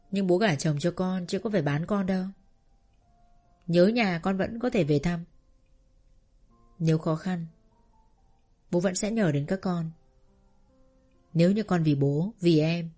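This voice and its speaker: A woman voicing a gentle older father who earnestly pleads with his daughter, in a family story. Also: fairly low pitch.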